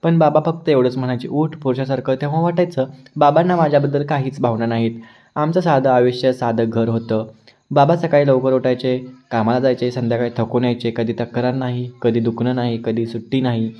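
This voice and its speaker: A man's voice: medium pitch, fairly even intonation, muffled recording. Earnest man narrating an emotional story. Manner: earnest, measured, addresses listeners as friends.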